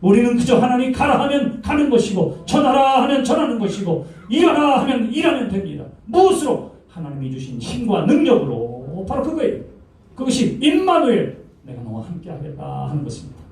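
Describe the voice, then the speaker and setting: A man's voice: very high-pitched, sing-song, a little fast, gravelly, darkish tone. A man pastor preaching a Sunday sermon, dramatically acting out the pleas and commands he quotes. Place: church sanctuary. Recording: echoey church hall, voice from far off.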